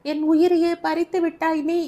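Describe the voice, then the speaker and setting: A woman voicing a furious, grieving old grandmother who wails and shouts in a shrill voice in an audio novel. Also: fairly even intonation, unhurried. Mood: bitter. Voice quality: shrill, wailing.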